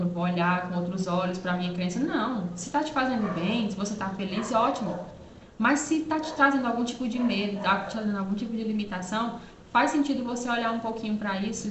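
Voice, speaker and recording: A woman's voice: medium pitch, echoey room, a little hiss or hum. A woman hosting her own channel, talking earnestly and directly to the viewer in a casual personal monologue, full of rhetorical asides. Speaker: channel host.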